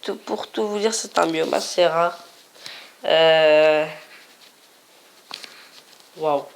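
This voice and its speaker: There's slight background noise behind this woman's deep, creaky voice as she slowly hosts a casual game video. Chatty and playful, she repeats herself often while demonstrating on screen.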